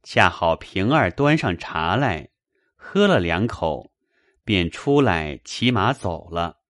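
Deep-voiced guy reading an audiobook, slow, dry close sound. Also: no echo. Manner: measured, steady storytelling. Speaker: narrator. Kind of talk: audiobook narration of a classic novel.

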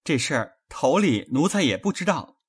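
A woman's voice: low voice, very animated, breathy edge, voice pushed down, heavily acted. A woman playing a cowering young manservant. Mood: cowering, pleading. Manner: pleading, hurried, fearful. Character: frightened young male servant, groveling.

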